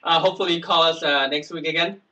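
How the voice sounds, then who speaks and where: A man's voice: fairly high pitch, steady tone, fast talker, pushed and bright, distant mic. A man hosting a casual chat show, stammering, repeating words and giggling. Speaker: host.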